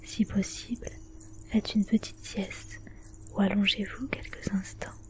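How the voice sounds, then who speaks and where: A woman whispers softly and breathily in an ASMR style, giving measured, instructional wellness advice in short phrases. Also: mid-range voice, fairly even intonation, soft background music.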